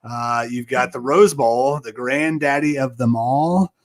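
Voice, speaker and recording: A man co-hosting a casual sports podcast, playful and jokey, running a bracket vote. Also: medium pitch. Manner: playful, jokey, quick asides. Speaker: podcast co-host.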